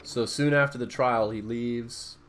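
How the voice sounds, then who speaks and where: A man's voice: medium pitch, steady tone, unhurried, background noise. A man streaming a game, chatting casually with a co-host and reading game text aloud in a playful way. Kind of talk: casual game playthrough commentary.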